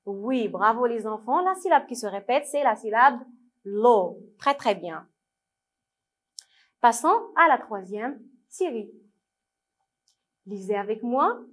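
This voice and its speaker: A woman teacher with a Moroccan accent, slowly sounding out words and syllables for young children to repeat. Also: on the high side, lively intonation, fairly bright tone. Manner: slow, clearly syllabled, repeating words for children to read along. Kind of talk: French lesson for young children.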